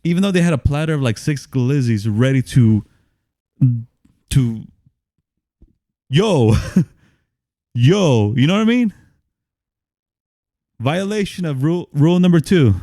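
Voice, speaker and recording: A man's voice: fairly high pitch, expressive, moderate pace, long pauses, mellow, dry recording, clean studio sound. A man co-hosting a casual movie podcast, laughing often, swearing and animatedly retelling scenes. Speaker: podcast co-host.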